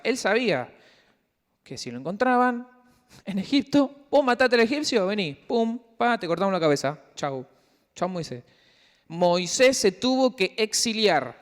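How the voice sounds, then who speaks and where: A high-pitched man with a Rioplatense accent teaching young people casually, keeping them engaged with questions and retold scenes. His voice carries a long reverb, as if in a big hall. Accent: Rioplatense Spanish. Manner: lively storyteller, asks the group questions, retells scenes with voices. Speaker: youth Bible study leader. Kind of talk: casual youth Bible teaching.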